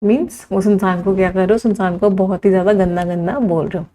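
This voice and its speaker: A woman teaching an English vocabulary class. She lists words one by one, drawing each out slowly for students to write down, counts them aloud and answers students' suggestions. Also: medium pitch, fairly even intonation, dark tone, rough recording. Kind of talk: live exam-prep vocabulary lesson.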